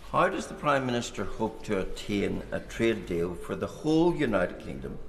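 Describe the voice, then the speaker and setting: A man with a Northern Irish accent putting a formal, measured and emphatic question in parliament. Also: fairly low pitch. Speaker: opposition member of parliament. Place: large indoor parliament chamber. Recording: echoey debating chamber.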